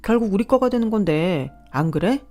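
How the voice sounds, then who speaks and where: A woman's voice: mid-range voice, lively intonation, moderate pace, mellow, faint music behind, voice pushed up, lightly acted. A woman voicing a greedy, boastful husband who whines and makes demands. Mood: defensive. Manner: entitled, whining, bossy.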